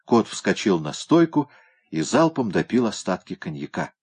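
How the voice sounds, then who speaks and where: A man narrating an audiobook in a steady, even storytelling manner. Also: lowish voice, moderate pace, slightly rough.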